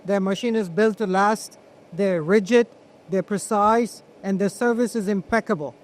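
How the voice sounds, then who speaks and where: A man being interviewed as a manufacturer, explaining products conversationally in a halting way, with repeated words. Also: high voice, steady tone. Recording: clear ambient noise on location.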